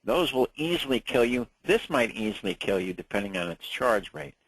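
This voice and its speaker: In poor audio without echo, a medium-pitched, sing-song, husky and slightly bright male voice moves at normal speed. A man in his sixties from Long Island with a New York accent, he casually lectures a ham radio licensing class, chatting, sharing anecdotes and repeating words when restarting.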